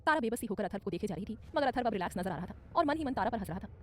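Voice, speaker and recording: A woman narrating a romantic audio story in a brisk, dramatic scripted style. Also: mid-range voice, lively intonation, a little hiss or hum. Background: soft music.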